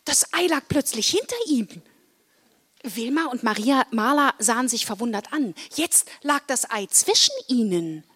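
High, expressive woman storyteller. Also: normal speed, slightly rough. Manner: expressive, varied storytelling delivery. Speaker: story reader. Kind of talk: reading a children's story aloud.

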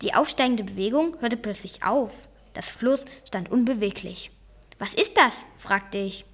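A high-pitched girl reads a novel aloud for a school reading project. Her delivery is careful and deliberate. She narrates in plain storyteller fashion, sentence by sentence. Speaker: student reader.

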